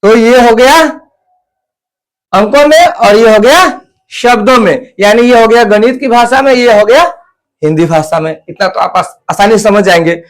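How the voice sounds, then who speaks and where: A man with a high voice teaches a math lesson. He talks slowly and deliberately and counts off each step, repeating it so that children can follow. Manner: slow, deliberate, repeats place values step by step.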